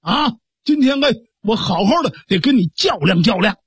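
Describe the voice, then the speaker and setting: Guy putting on a cocky young punk brother, high taunting voice, husky, bouncing all over. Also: animated, normal speed, dry recording, clean studio sound, heavily acted. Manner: taunting, boastful shouting. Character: brash cocky young man, spoiled troublemaking brother.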